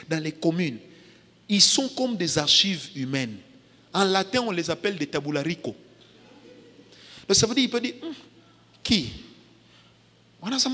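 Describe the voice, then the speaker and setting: A middle-aged man preaching a lively sermon to young adults, telling stories and breaking into loud, laughing bursts and sung snatches. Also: a little high, husky, long reverb tail. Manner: animated, turns loud and laughing, sings snatches.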